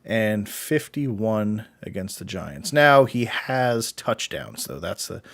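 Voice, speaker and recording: A man's voice: lowish voice, lively intonation, takes it slowly, vocal fry. A man co-hosting a fantasy football show, chatting casually and answering viewer questions, with many fillers and restarts.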